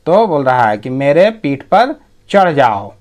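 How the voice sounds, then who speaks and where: A man teaching English through a short story. He reads each English sentence slowly, then translates and explains its grammar at length. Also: medium pitch, very animated. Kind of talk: bilingual lesson reading a story.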